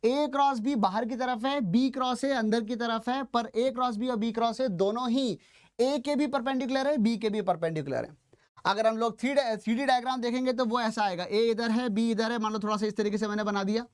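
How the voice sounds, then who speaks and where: A man's voice: very high-pitched, a little fast. A male teacher giving a step-by-step classroom lecture at a board, addressing his students directly and slipping English phrases into his Hindi.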